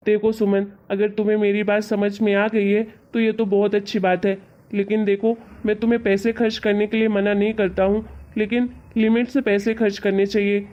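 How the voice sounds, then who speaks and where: On dull, lo-fi audio, a woman with a mid-range, dark-toned voice plays an exasperated young husband in an amateur cartoon story, keeping a level tone and moderate pace. Lightly acted, the character is patient yet teasingly lecturing, reasoning and chiding in a colloquial way.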